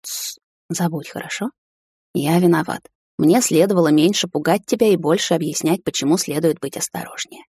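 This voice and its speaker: A woman voicing a gentle, devoted male hunter husband who speaks softly and coaxingly in an audiobook. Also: deep voice, animated, a little fast, husky, exaggerated voice. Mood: tender, hushed. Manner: soft, hushed and coaxing.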